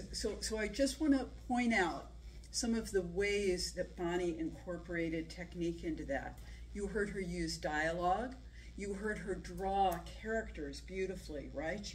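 An older woman hosting a live storytelling event, introducing readers and pointing out their writing technique in a teacherly way. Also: on the low side. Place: senior center room. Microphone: podium mic. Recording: distant room recording, faint ambience.

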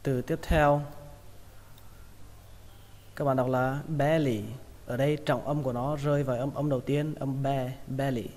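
A man teaching English pronunciation, repeating each word slowly in drills. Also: medium pitch, flat delivery, a little mellow. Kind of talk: pronunciation lesson. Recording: long hall reverb.

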